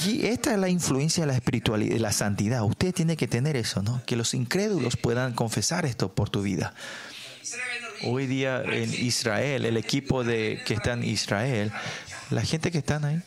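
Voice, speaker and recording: A man preaching a sermon, reading scripture slowly and often adding tag questions and fillers. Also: mid-range voice, expressive, creaky. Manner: reads scripture slowly and deliberately. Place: church service.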